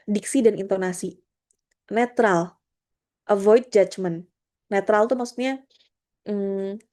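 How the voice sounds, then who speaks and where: A woman's voice: mid-range voice, mellow. A woman giving a friendly, conversational workshop on job interviews, talking through her slides. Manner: friendly, conversational, with English terms mixed in. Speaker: career trainer. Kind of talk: online workshop presentation.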